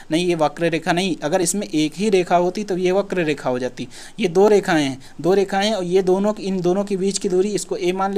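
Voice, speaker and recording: A man's voice: a little high, darkish tone. A man teaching an exam-prep lesson in a casual way, asking questions and answering them himself. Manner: casual, repeats himself, asks and answers his own questions.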